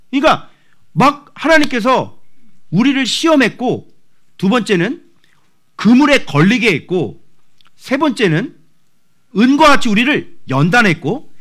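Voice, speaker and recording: A man in his forties, a pastor, delivers an expository sermon in church with a high voice. He's animated, shouting as he acts out different voices.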